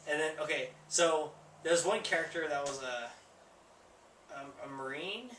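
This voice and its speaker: A man chats loosely as host of a film review, tipsy and rambling. His voice is bright and forward, recorded away from the mic in an echoey room with faint noise. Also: a little high, a little slow, distant mic. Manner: tipsy, rambling and losing track.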